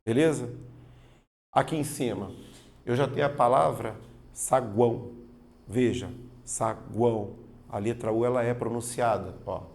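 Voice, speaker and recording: A man's voice: medium pitch, unhurried, vocal fry, long pauses, a little mellow. A man teaching a grammar lesson for exam preparation, explaining patiently and often checking that students follow. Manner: patient, explanatory, keeps checking understanding with "tá vendo?" and "certo?"; leans on stressed spoken examples. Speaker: Portuguese teacher.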